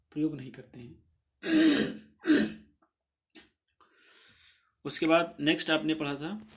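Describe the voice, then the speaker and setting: With a voice on the high side and a fairly bright tone, a man leads an exam-prep literature lesson. He reads English definitions slowly and explains them, sometimes clearing his throat and correcting himself.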